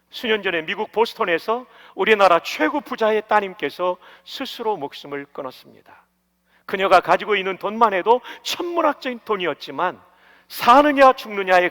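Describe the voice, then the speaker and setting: Pastor, male, from Daejeon; lively, high-pitched sermon delivery in a reverberant sanctuary. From Daejeon, South Korea. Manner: animated, explanatory preaching with questions to the congregation. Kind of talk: revival sermon. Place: church sanctuary. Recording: long church hall reverb.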